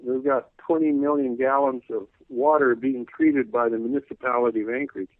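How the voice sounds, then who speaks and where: A man calling in as a radio guest, rambling folksily with lots of "you know," clearing his throat as his voice wears out. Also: mid-range voice, steady tone, fairly quick, dry recording. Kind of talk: casual call-in radio interview. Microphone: telephone. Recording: tinny phone line.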